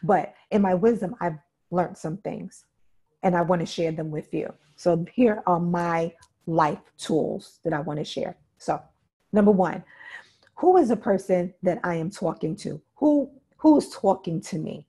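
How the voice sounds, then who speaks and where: This woman instructor has a lowish, mellow voice with a breathy edge and keeps a measured pace. Leading an interactive workshop, she is emphatic, goes back over the main points, and frequently asks "okay?" or "right?" to check on her audience.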